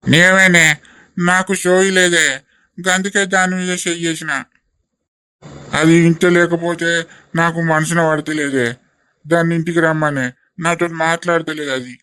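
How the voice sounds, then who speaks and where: A man's voice: on the high side, level tone, unhurried, pauses often, sharp tone, clear, resonant tone, no echo. A man voicing a pleading old village husband. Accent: Telangana Telugu. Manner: pleading, coaxing. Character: older village husband, remorseful grandfather. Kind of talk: animated comedy voice acting.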